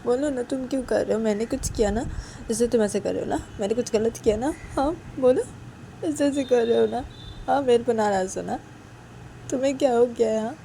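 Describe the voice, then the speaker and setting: A woman's voice: a little high, brisk, vocal fry, dark tone, a little hiss or hum, pitched above the performer's own voice. A woman voicing Uma, an anxious, tearful young woman who keeps pleading and repeating questions to her partner in a spoken love story. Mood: hurt, pleading.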